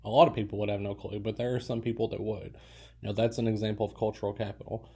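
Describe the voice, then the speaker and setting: Gravelly low-voiced man lecturing casually. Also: level tone, quick pace, dark tone. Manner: casual, meandering, many fillers and restarts. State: yawning. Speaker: college lecturer. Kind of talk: recorded lecture.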